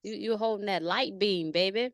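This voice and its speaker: A woman's voice: mid-range voice, normal speed, no echo, clean studio sound. A woman hosting a spiritual podcast, chatting casually with a guest, laughing and rambling with restarts. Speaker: podcast host. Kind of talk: casual interview chat.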